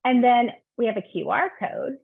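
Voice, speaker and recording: A woman walks a webinar audience through a software demo, halting now and then with fillers. Her voice has a gravelly, husky edge. It comes through a tinny, phone-like line that is garbled and breaking up. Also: fairly high pitch, lively intonation, no room sound. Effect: garbled, breaking-up call audio. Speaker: software presenter.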